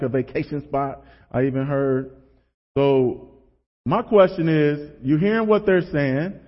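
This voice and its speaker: Man preaching casually in an echoing hall. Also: on the high side. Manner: relaxed, asks the audience rhetorical questions. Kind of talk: casual conversational sermon. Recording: dull lo-fi sound with long hall reverb.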